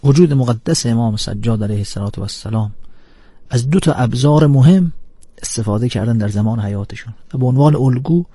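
A man's voice: mid-range voice, dark tone, breathy edge, no room sound. A man giving an earnest, emphatic religious lecture. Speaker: religious speaker. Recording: music playing under speech.

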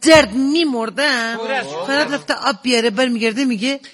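A man's voice: very high voice, fairly bright tone. A man playing a chatty, teasing middle-aged wife in a comedy sketch, telling stories about her husband with a laugh. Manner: gossipy, teasing, often laughing. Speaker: comic storyteller in a sketch.

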